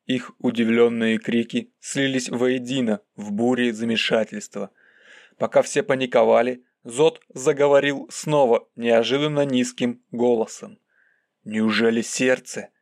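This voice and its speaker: A man narrating an audiobook in a calm, measured reading voice. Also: medium pitch, no room sound, studio quality.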